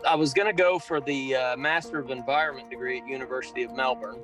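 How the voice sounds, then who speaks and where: A man, a military veteran and scholar, speaking in a relaxed, casual way in a video testimonial. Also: mid-range voice, quick pace, soft background music, low-quality recording.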